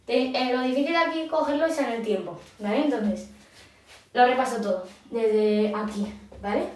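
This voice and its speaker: A woman's voice: on the high side, normal speed. A woman from Spain teaching a dance class, calling out steps and counts and voicing the rhythm with sounds like "cha cha". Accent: Spanish (Valencia region). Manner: rhythmic vocal beats and counts. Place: dance studio. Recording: very echoey room, speaker far from mic.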